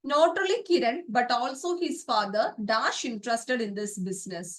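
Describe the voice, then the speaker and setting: A woman's voice: on the high side, expressive, very slow, far from the mic. A woman with a Malayali accent teaching an English grammar lesson for exam prep, explaining step by step and asking checking questions.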